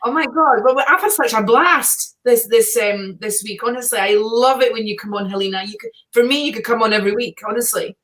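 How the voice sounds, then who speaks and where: A woman with a slightly high voice hosts an informal chat. She is effusive and gushing, talking conversationally as she draws out her guest. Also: a little fast, few pauses, fairly bright tone. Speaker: show host. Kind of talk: casual interview chat.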